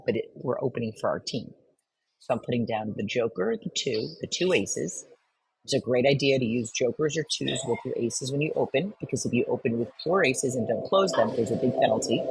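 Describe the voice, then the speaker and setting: A woman's voice: rumbling low, husky, no room sound, poor audio. A woman narrating a step-by-step card game tutorial, explaining each turn patiently and methodically.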